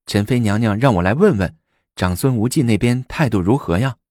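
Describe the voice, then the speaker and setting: A man's voice: fairly low pitch, brisk, a little mellow, no echo, studio quality, close to an everyday voice. A man voicing a brash, teasing young woman of the palace in a storytelling performance. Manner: teasing, breezy.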